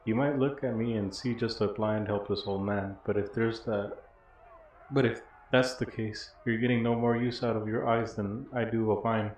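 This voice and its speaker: A man's voice: fairly low pitch, fairly even intonation, moderate pace, darkish tone, lightly acted. A man voicing a poor, blind old former smuggler from a video game, wry and bitter, in a rambling storyteller's delivery. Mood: proud, wry. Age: older. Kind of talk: reading video game dialogue in character. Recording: dull, roomy audio with faint noise.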